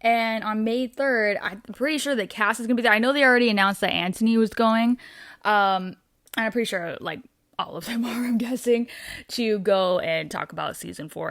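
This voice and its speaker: A young woman hosts her weekly entertainment show, gushing about it in a bubbly, casual way and packing her talk with "um" and "like." Her voice sits at a medium pitch, and the studio recording is clean with no room sound.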